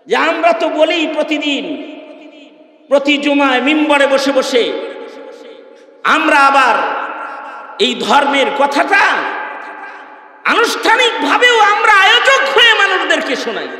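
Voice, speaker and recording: A male preacher with a very high, bright voice delivers a fervent Islamic sermon. He declaims slowly and forcefully, often rising to a shout and stretching out his phrases. The sound rings with a long, echoing PA reverb. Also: far from the mic. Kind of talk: impassioned Bengali waz sermon with Arabic quotations.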